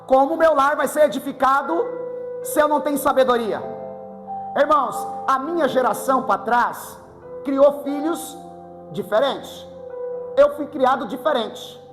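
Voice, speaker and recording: Brazilian man, middle-aged pastor, high voice, fervent sermon, shouting peaks, long church reverb. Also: a little slow, pauses often, over music. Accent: Brazilian Portuguese. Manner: fervent preaching, rising to shouts. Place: church sanctuary.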